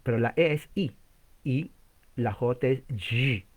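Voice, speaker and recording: A man's voice: mid-range voice, measured pace, darkish tone. Male pastor, mid-range voice, didactic sermon style, rhetorical questions and emphatic repetition. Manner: teaching with many rhetorical questions, sudden emphatic rises; spells out and repeats words for emphasis.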